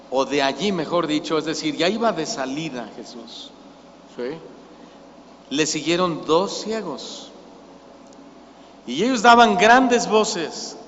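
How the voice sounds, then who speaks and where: A man preaches a fervent sermon in a high voice and keeps pressing his listeners with questions. The recording is dull and lo-fi. His voice carries a long reverb from the church around him. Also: fairly bright tone, a little hiss or hum. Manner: impassioned preaching, pleading questions to the congregation. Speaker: pastor. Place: church sanctuary.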